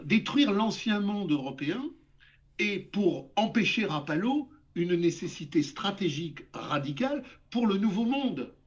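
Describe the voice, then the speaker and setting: In an interview discussion, an older man appears as a guest essayist, his voice fairly high for a man. He lectures emphatically, piling up examples and repeating words to drive his points home. The audio is dull and lo-fi.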